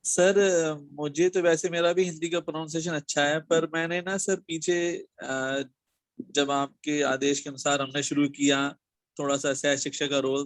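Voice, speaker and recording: A middle-aged man in a casual group discussion, talking thoughtfully and pausing to search for words. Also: on the high side, no room sound. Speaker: discussion participant.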